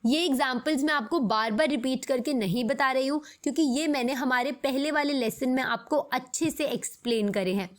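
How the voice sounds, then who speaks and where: Woman teaching grammar, slow examples. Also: high voice. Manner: explains in Hindi, reads English examples slowly. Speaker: English teacher. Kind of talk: scripted grammar lesson.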